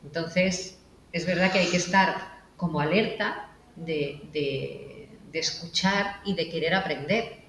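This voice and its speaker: Animated woman host, echoey room. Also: lowish voice, slow. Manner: animated storyteller, acts out quotes. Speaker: interview host. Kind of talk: casual conversational interview. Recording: echoey room with faint noise.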